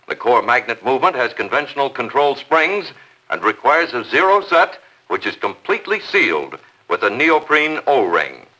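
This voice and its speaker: Bright-voiced man, old newsreel narrator. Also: medium pitch, big pitch swings, normal speed, low-quality recording. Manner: polished promotional announcer delivery. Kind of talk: 1950s corporate newsreel narration.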